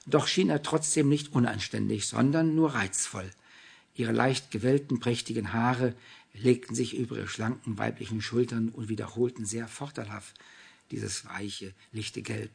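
Gravelly, husky male narrator. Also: mid-range voice, darkish tone. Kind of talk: audiobook narration.

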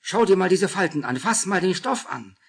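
A man voicing a pushy, excitable young woman, insistent and gushing, with a husky, gravelly voice. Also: mid-range voice, normal speed. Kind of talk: audiobook reading.

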